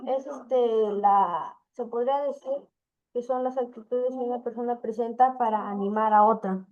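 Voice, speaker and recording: Female student with a dull, lo-fi sound. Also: fairly high pitch. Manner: hesitant, uses filler words. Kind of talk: answering in class. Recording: dull lo-fi call audio.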